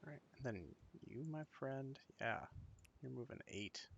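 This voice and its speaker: A man with a bright, forward voice and a noticeably gravelly creak talks through a strategy game. His commentary is casual, as if he is musing to himself while he decides each step. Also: medium pitch, measured pace, slight background noise. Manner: thinking aloud, musing to himself. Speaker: gaming video creator playing a strategy game.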